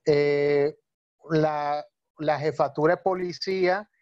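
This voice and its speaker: Patient male teacher, a bit high, dry lo-fi video call audio. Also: steady tone, takes it slowly, a little mellow, no room sound. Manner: patient, many fillers and checking questions. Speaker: language teacher. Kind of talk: explaining in a video-call talk.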